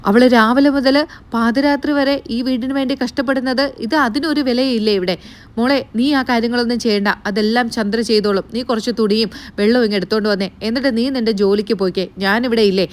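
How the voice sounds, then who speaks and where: A woman's voice: on the high side, steady tone, fast, lightly acted. Woman putting on a fierce scolding grandmother. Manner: angry, scolding, raised voice.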